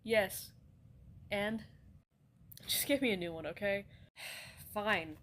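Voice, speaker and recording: A woman acting out comedy sketches, swearing casually and bantering in a deadpan way. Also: medium pitch, slow pace, slight background noise. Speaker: sketch comedy creator playing all roles.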